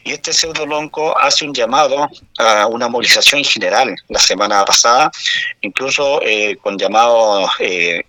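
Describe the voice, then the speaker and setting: Male guest spokesman, earnest and steady, dry close sound. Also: mid-range voice, normal speed, no room sound, low-quality recording. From Chile. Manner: earnest, steady explaining at length. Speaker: community spokesman (werkén) interviewed as guest. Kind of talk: interview over a remote line.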